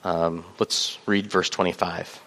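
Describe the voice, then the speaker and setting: A man preaching a sermon as pastor, measured, with fillers, reading scripture aloud. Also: sits low, level tone, sharp tone. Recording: long hall reverb.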